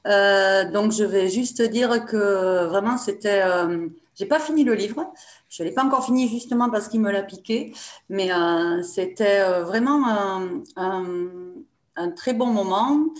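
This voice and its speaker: A woman's voice: mid-range voice, slow pace. Hesitant southern French woman, echoey room. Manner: hesitant, many fillers. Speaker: audience member. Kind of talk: audience comment at a book talk. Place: talk venue. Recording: roomy echo.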